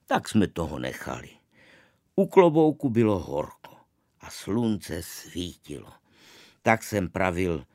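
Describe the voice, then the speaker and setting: A man reading a storybook tale aloud, expressive, swinging between loud outbursts and soft asides. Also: on the low side, no room sound, studio quality. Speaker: narrator.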